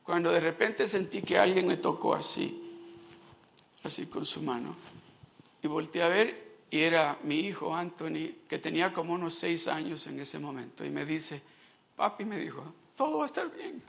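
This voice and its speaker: A man's voice: fairly high pitch, steady tone, moderate pace, vocal fry, fairly bright tone. A middle-aged man giving a sermon testimony, telling a personal story and slipping in English phrases.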